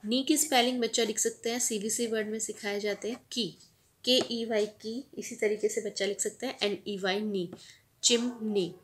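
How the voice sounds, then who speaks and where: A woman's voice: on the high side, fairly even intonation, moderate pace. A woman channel host teaching children's spelling, breaking words into syllables and calling out each letter in a patient, explanatory way. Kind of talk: spelling lesson mixing Hindi and English.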